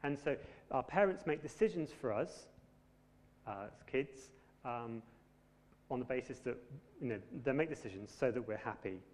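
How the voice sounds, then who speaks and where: A man preaching a sermon in a conversational, gently humorous way. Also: medium pitch, expressive, moderate pace. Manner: conversational, self-deprecating humour. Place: church. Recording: long hall reverb.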